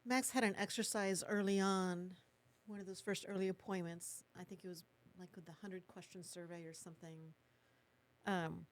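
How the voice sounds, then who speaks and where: A woman's voice: lowish voice, fairly even intonation, normal speed. A woman, a business co-owner, speaking in a matter-of-fact way as a guest in a casual interview.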